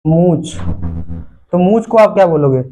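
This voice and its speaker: A man's voice: sits high, lively intonation, measured pace, mellow, slight background noise. A man teaches Sanskrit words in a classroom lecture. He repeats each term, then asks and answers his own questions. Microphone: recorded lesson video.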